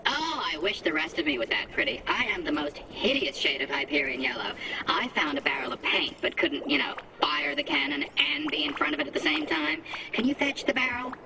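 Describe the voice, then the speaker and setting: A woman's voice: medium pitch, sing-song, fairly quick, creaky, very noisy. A woman voicing a cheerful, chatty female robot memory that carries a deadly turret, with a robotic voice effect. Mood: playful. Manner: eager, chatty, apologetic. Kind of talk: video game dialogue. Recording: distant voice under loud game music.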